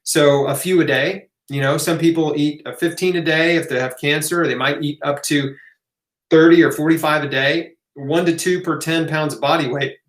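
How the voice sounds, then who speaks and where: Hosting a live health Q&A, a man answers questions off the cuff in a conversational way, throwing in emphatic asides. His voice sits on the high side with fairly even intonation and normal speed, recorded in a roomy, echoing space.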